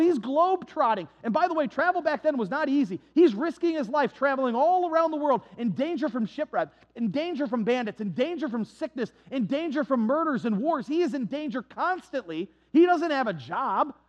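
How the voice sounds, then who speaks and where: High-voiced, animated male preacher. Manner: animated, conversational preaching with asides. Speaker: pastor. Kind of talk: storytelling sermon. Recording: dull lo-fi sound.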